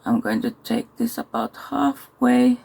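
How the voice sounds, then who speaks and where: A tired woman, chatting casually through a makeup tutorial and thinking aloud with soft asides. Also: fairly high pitch, wildly swooping pitch, measured pace, creaky, heavy background noise. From Finland. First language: Finnish. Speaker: makeup vlogger.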